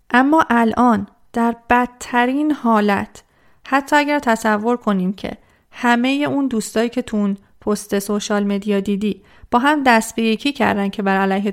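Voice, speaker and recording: A woman giving a reflective psychology talk, calmly addressing the listener with direct questions. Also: a little high. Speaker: self-help speaker.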